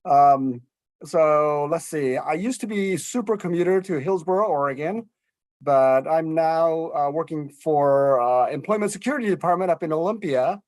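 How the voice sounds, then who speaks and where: A man's voice: fairly high pitch, moderate pace, darkish tone, no room sound. A man introducing himself in an upbeat, conversational way on a video call for a community advisory group.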